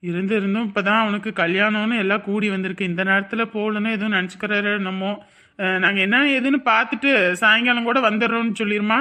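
A man's voice: high voice, level tone, fast talker, pushed and bright. A man playing a caring middle-aged village father in a family drama, speaking earnestly. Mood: resigned.

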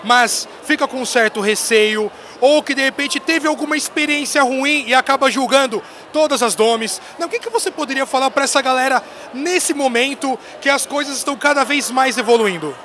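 A man in his thirties, an excited and playful interviewer, hyping his guest with a handheld mic in a busy indoor expo hall. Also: very high-pitched, moderate pace, a little hiss or hum. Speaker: interviewer at a trade fair. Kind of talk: casual on-location interview. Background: crowd chatter of the fair.

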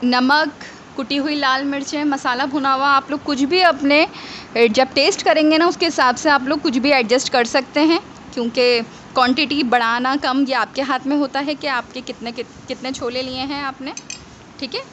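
Woman cooking host, pitched a bit high, chatty step-by-step tutorial, noisy home kitchen recording on a phone. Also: fairly even intonation, normal speed, fairly bright tone, dull audio. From Pakistan. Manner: chatty, checks in with viewers.

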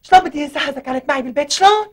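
An actress with a Syrian Arabic accent playing a jealous, overwrought pregnant wife who pleads frantically and tearfully. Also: female voice, high voice, expressive, very fast. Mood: frantic. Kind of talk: TV comedy acting.

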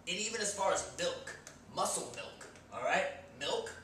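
Sitting high and very animated, this twentysomething man's sharp voice moves at a normal speed as he hosts a sketch of cocky, meathead gym advice. He stands against a bare wall in a small indoor room, recorded from afar by a camera, so the sound is echoey with a faint hiss or hum.

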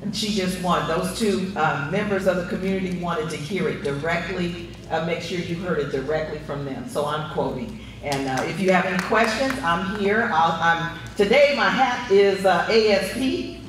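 A school administrator speaking briskly at a board meeting, with a few hesitations. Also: medium pitch, noisy background. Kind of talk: public comment at a meeting. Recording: echoey hall from far off.

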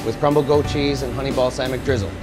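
A man's voice: mid-range voice, quick pace, over loud music. A man, an executive chef explaining a dish step by step in a restaurant kitchen, on a lapel mic. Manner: steady instructive step-by-step explaining. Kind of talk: cooking demonstration. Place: restaurant kitchen at a gas range.

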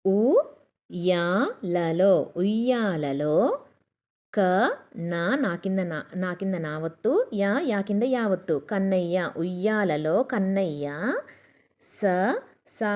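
Slow, patient woman teaching kids to read. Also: lowish voice, darkish tone. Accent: Telugu. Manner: patient, spells out each syllable and blends it into words. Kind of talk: slow syllable-by-syllable reading lesson for children.

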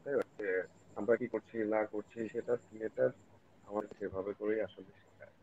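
A man speaking hesitantly with many pauses in an online panel discussion. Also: fairly low pitch, steady tone, darkish tone, slight background noise. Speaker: panel guest. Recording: tinny phone-like call line.

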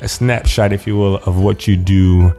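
Upbeat low-voiced male podcast host. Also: steady tone, moderate pace, warm tone, soft background music. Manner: upbeat, playful, repeats words for emphasis. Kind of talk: casual podcast interview.

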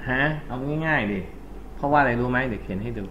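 A Thai-accented man explains English grammar in a loose, chatty classroom way, often catching and correcting himself. His voice is bright and pushed forward. The recording is a little dull, with faint noise behind it. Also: medium pitch, fast talker. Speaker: English teacher. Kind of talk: recorded exam-prep lesson.

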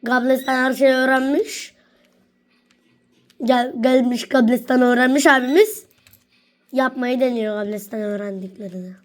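A high-pitched woman streams an online game and heckles her rivals without pause. She swears freely, repeats the same jeers over and over, and breaks into shouts as the match heats up. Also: fairly even intonation. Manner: trash-talking, taunting, profane, shouts repeated jeers. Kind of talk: live gameplay chat.

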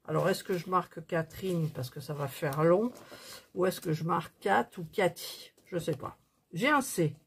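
A woman's voice: lowish voice, normal speed, gravelly, a little hiss or hum. A woman chatting casually through a craft tutorial, thinking aloud as she works. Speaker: craft vlogger.

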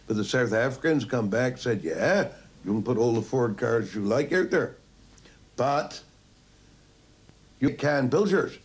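A man's voice: medium pitch, darkish tone. An older man with a Cornish accent, a retired fisherman telling blunt, emphatic stories from his past. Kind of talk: reminiscing interview.

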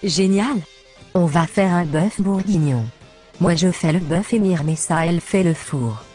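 A woman's voice: lowish voice, a little slow, darkish tone, soft background music, natural voice. A woman putting on a meek chirpy housemaid. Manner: chirpy, servile. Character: meek eager young female housekeeper. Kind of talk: comic machinima voice acting.

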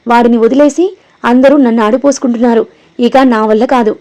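A woman's voice: fairly high pitch, steady tone, fairly quick, darkish tone, close to an everyday voice. A woman voicing a scheming, dramatic woman in a storybook reading. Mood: accusing.

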